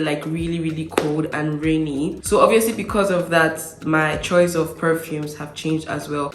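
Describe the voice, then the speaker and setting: Still getting over a cold, this woman sounds a little nasal as she reviews perfumes in a casual vlog to camera. Her voice is low-pitched and the audio has a roomy quality, and she leans on repeated words for emphasis.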